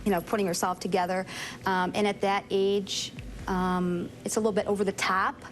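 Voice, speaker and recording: A woman on a reality show panel giving blunt judgments, halting with fillers as she explains them. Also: medium pitch, level tone, slight background noise.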